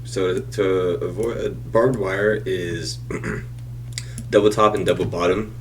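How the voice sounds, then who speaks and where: A man reviewing his trades over a chart, thinking aloud in a casual walkthrough with restarts and the odd throat clearing. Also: low voice, fairly even intonation, slow pace, slight background noise. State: has the hiccups.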